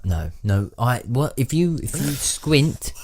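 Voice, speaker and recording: A man's voice: mid-range voice, very animated, takes it slowly, darkish tone, a little hiss or hum. A man hosting an improvised comedy podcast, rambling in a mock-serious way. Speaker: podcast host.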